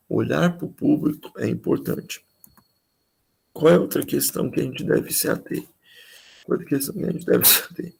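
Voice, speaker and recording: A pastor, a man, teaches preaching tips in an easy, conversational way. His voice is heavily gravelly and rough with breath, and he often repeats a phrase to drive it home. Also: medium pitch, a little mellow, poor audio. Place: live-streamed church talk.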